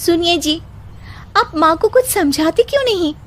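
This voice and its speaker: A woman voicing a high-pitched, sassy young daughter-in-law. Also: animated, normal speed. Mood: complaining, earnest. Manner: theatrical rhyming retorts and complaints.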